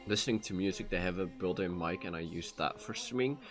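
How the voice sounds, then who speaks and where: A Dutch gaming streamer with a low voice and a Dutch accent talks briskly and casually while live-streaming. He rambles, full of fillers and restarts, into a cheap USB microphone as soft music plays behind him.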